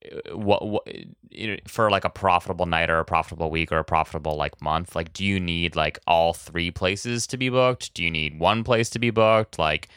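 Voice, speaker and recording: A male podcast host with a low, smooth voice, recorded close and dry. He asks long, wandering questions peppered with fillers. His tone is bright and forward. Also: moderate pace, hardly any pauses, dry recording. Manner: rambling questions full of "like" fillers. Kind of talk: casual interview.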